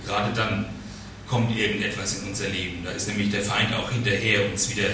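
A man's voice: lowish voice, flat delivery, a little fast. A man leading a conversational Bible study, often repeating words and checking in with his listeners. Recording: very echoey room, distant mic, faint noise.

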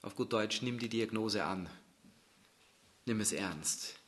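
A man preaching a sermon in German, dropping to a near-whisper at times and then swelling loud with intensity. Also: lowish voice, takes it slowly.

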